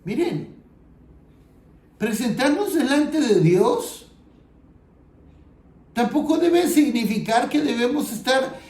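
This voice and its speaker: Mexican pastor guy preaching, kinda high voice, slow and earnest, echoey church. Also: darkish tone. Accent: Mexican Spanish. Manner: earnest preaching, reads scripture aloud, slows down for emphasis. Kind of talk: sermon.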